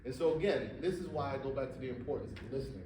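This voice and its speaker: Guy teaching a drum masterclass, animated, repeats himself for emphasis, echoey hall, mic kinda far. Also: mid-range voice, very fast, background noise. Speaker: drum clinician. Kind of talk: masterclass talk with storytelling. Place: conference hall.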